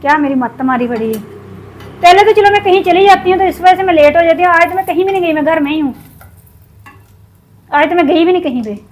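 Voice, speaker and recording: Woman from Pakistan, very high voice, upset, sore throat, cooking vlog chat. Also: lively intonation, fast, long pauses, poor audio. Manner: upset, venting while cooking. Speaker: cooking vlogger.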